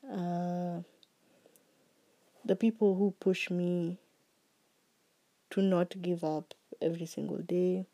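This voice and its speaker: On her own podcast, a woman speaks slowly and earnestly about the things she's grateful for, her voice not yet fully back after being sick. It's a reflective solo monologue, fairly low and level, heartfelt, with soft trailing phrases.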